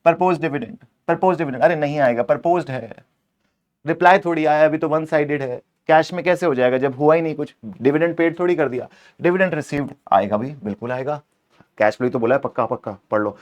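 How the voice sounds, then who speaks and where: A man's voice: on the high side, fairly quick, lo-fi sound. A man teaching an exam-prep accounting lesson, playfully scolding the answer options and switching between Hindi and English.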